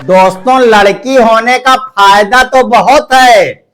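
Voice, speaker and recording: A man reading a string of short family jokes aloud, one after another, in an even delivery. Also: very high-pitched, takes it slowly, a crowd in the background, noisy background. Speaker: joke teller.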